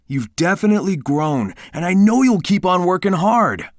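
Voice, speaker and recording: A cocky, good-hearted young hedgehog hero from a video game. The voice is youthful and slightly high, with lively swings in pitch. It is dry and close, and the delivery is casual, breezy and confident. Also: male voice, normal speed, no echo. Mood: earnest, supportive. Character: cocky, upbeat, caring young male cartoon hedgehog hero. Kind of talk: video game character dialogue.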